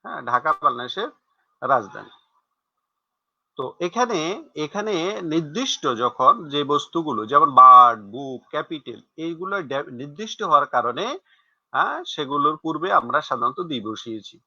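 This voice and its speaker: Bright lively-voiced male teacher. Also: on the high side, dry recording. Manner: explains slowly, repeats examples, asks rhetorical questions. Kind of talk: recorded classroom lesson. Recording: dull lo-fi dry sound.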